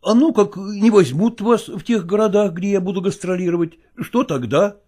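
A man's voice: high voice, normal speed, mellow. A man voicing a weary middle-aged touring actor in an audiobook drama, coaxing and patronizing. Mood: persuading.

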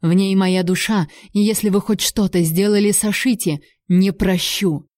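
A woman's voice: mid-range voice, steady tone, a little mellow, dry recording, clean studio sound, close to an everyday voice. A woman reading a stern young warrior man. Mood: cold menace. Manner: cold, threatening, measured.

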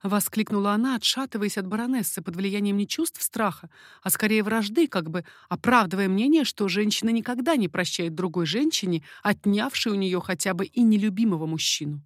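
A woman reading a historical novel aloud in a measured storytelling manner. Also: medium pitch, dry recording, studio quality. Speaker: audiobook narrator. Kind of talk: scripted narration of a historical novel.

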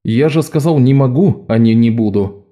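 A man voicing Locke, a wily adult male con man who talks in a wry, quiet way. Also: medium pitch, normal speed, natural voice.

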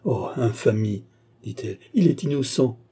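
A man voicing a frightened young courtesan who pleads and cries out in a dark, husky voice. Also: mid-range voice, expressive, moderate pace. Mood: indignant.

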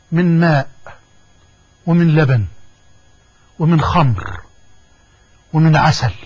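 A man with an Egyptian accent preaching a sermon with impassioned delivery, rising to high emphatic peaks. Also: slightly rough, dry recording. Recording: dull lo-fi sermon recording.

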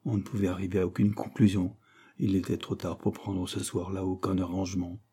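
A man narrating a novel as an audiobook in a steady, measured reading. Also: low-pitched, husky.

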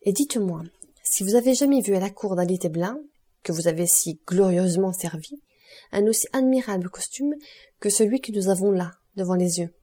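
A woman's voice: medium pitch, lively intonation, a little fast, mellow, lightly acted. A woman voicing a haughty, effusive middle-aged society baroness in an audiobook.

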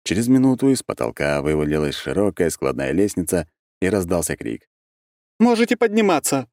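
A man narrating a first-person fantasy audiobook in an expressive reading style. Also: extremely low pitch, brisk, vocal fry, no room sound, clean studio sound.

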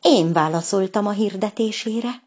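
A woman's voice: medium pitch, a little mellow, muffled recording, close to an everyday voice. A woman voicing a cheerful, confident male cat who sings in a band, in a storybook. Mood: eager. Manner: eager, teasing.

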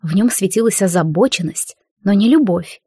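A woman narrates a fantasy audiobook in a measured, even way, at a middle pitch. The recording is dry and close, with no room sound. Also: slightly rough, no echo. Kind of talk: scripted narration.

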